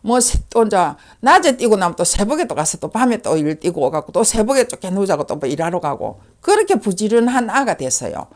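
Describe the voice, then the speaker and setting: A woman's voice: medium pitch, very animated, brisk, few pauses, a little mellow. A woman shaman with a Gyeongsang accent, telling a story in casual chat and acting out the voices of the people in it.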